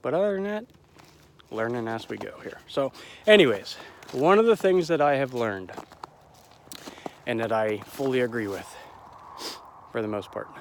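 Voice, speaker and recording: A man's voice: mid-range voice, lively intonation, moderate pace, pauses often, slight background noise. A young man outdoors in a winter pasture, a farmer vlogging casually. He is a bit out of breath and has a cold, and he rambles with self-deprecating disclaimers. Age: young adult. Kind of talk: casual outdoor farm vlog.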